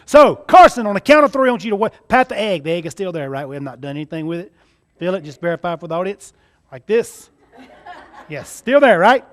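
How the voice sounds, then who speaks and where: With big pitch swings and a high voice, this Mississippi magician talks fairly quickly in a Southern US accent, coaching a child volunteer through a live kids' show with flashy, joking party-magician banter.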